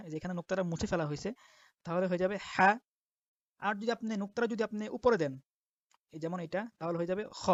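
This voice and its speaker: A woman's voice: fairly low pitch, dry recording. Woman Quran teacher, patient, repeats each letter sound, muffled lo-fi audio, dry and close. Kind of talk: step-by-step alphabet lesson. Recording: dull lo-fi dry recording.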